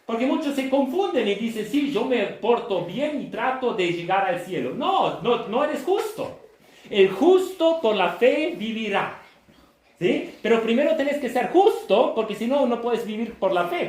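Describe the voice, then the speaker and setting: A man preaching a sermon, emphatic and half shouting, often checking in with listeners. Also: extremely high pitch, big pitch swings, normal speed. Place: church hall. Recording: echoey church room.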